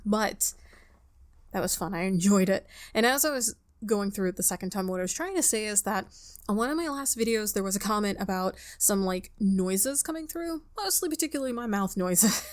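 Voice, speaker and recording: In a gaming video with music underneath, a woman reads out game text and riffs playfully, often talking to herself. She's close on a mic lacking a pop filter, and her expressive mid-range voice moves a little fast.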